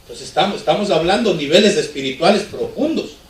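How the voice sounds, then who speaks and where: A man's voice: a little high, expressive, brisk. A male pastor preaching a sermon conversationally, often asking the congregation rhetorical questions. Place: church hall. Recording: echoey church from far off.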